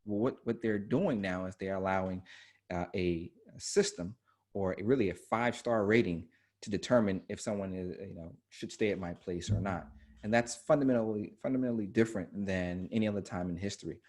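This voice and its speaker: A man's voice: lowish voice, a little fast, a little mellow. A man from the United States, a guest author speaking in a webinar conversation, who stresses and repeats his key points. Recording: video call audio.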